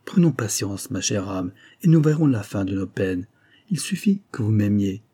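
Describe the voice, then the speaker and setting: In an audiobook, a man voices an ardent young lieutenant who is smooth-talking at first, pleading eagerly before turning furious and violent. The mood is pleading. His voice is on the low side, animated and mellow with a breathy edge, at a normal speed.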